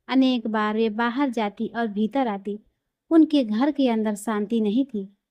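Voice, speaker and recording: Female storyteller, fairly high and mellow, dry close sound, reverent scripted reading. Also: no room sound. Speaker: devotional storyteller. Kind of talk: scripted devotional story narration.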